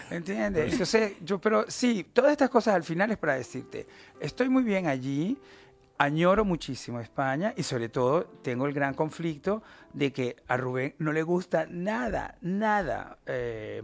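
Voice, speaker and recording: A man's voice: on the high side, gravelly. A middle-aged man, a novelist, talking expressively and at length as a guest in a studio interview, with theatrical asides. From Venezuela. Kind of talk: casual interview chat.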